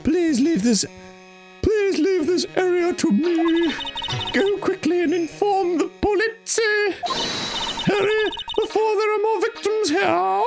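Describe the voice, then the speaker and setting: A man voicing an urgent young woman in a shrill falsetto over game music. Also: slow pace, creaky, heavily acted. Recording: video game music behind.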